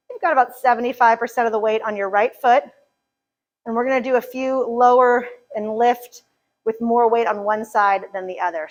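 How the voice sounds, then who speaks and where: A woman's voice: on the high side, poor audio. A woman leading a live chair yoga class, upbeat and joking as she counts reps, a little out of breath at times. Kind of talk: live fitness class instruction.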